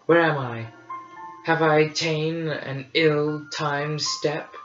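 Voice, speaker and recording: A man's voice: on the high side, little pitch movement, extremely slow, fairly bright tone, pitched above the performer's own voice. A man playing a fussy, fearful robot in a storybook reading, lamenting in anxious, dramatic verse. The voice sits in a roomy, slightly dull recording with faint music behind. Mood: dismayed.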